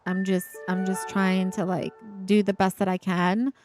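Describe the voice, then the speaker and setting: A woman from Ohio speaks with a subtle Appalachian-tinged accent at a middle pitch, her slight speech impediment showing on some words. She chats playfully with viewers as she builds, teasing back and laughing easily. Faint music runs underneath her voice. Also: little pitch movement, measured pace, a little mellow. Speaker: streamer. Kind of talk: casual live-stream chat while building.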